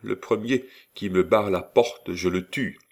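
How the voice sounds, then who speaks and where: A man playing a deep-voiced earnest young nobleman. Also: steady tone. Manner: earnest, measured, solemn.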